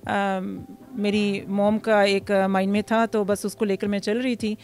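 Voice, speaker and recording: Pakistani woman in her 30s, restaurant owner, interviewed outside, lots of uh pauses, handheld mic. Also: mid-range voice, flat delivery, darkish tone. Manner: hesitant, many fillers, mixes English words. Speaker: restaurant founder. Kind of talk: interview answers. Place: outdoor restaurant terrace. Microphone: handheld mic held by interviewer.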